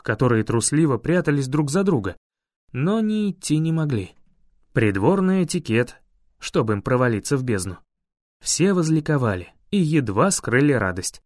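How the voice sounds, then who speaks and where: Male first-person fantasy narrator, slightly high, dry close recording. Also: dry recording. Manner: steady storytelling, voices each character. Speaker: audiobook narrator.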